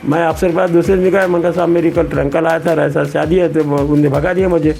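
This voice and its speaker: Fast-talking and fairly high-pitched, the elderly veteran keeps a steady, slightly mellow tone with vocal fry. Now in his eighties and from Betul, central India, he recalls his past in a rambling, conversational way, repeating words and voicing remembered exchanges.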